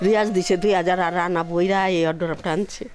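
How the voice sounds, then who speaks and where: A woman's voice: lowish voice, steady tone, fast talker, a little mellow. A middle-aged woman with a rural Dhaka-area Bangladeshi accent, speaking plaintively and tearfully in grief. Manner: plaintive, repeatedly addressing the listener endearingly. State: tearful, grieving. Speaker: bereaved mother being interviewed. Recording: music laid under the voice.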